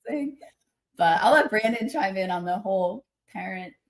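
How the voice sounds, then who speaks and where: A woman in her forties, a podcast guest chatting casually and warmly, animated and quick with asides, laughing often. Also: mid-range voice. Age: 40s. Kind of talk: casual chat.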